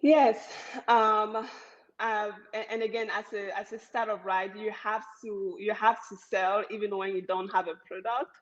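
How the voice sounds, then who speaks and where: A woman from Cameroon, a startup founder, speaking on a panel in a conversational way with many pauses and fillers. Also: mid-range voice, fairly even intonation, highs cut off. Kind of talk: panel discussion.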